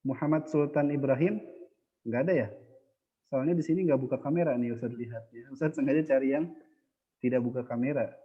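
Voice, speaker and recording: A man's voice: mid-range voice, fairly quick, long pauses, in a large hall, highs cut off. A male teacher running an online Arabic lesson, patient and adding a short "ya" after most phrases.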